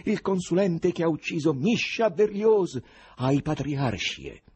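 A man voicing a wild young male poet who shouts, rants and mutters in desperation. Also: low-pitched, moderate pace, breathy edge. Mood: frantic shouting.

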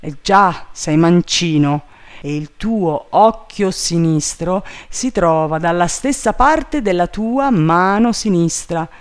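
A man voicing an excitable, anxious male gentleman who shouts urgent orders up a tree. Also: high-pitched, takes it slowly, clean tone, pitched above the performer's own voice. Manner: urgent, agitated calling out.

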